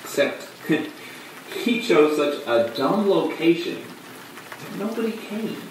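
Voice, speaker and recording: An actor playing a flamboyant man who tells his story in a halting, breathless theatrical monologue. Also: fairly high pitch, lively intonation. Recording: echoey room, distant mic, faint hum.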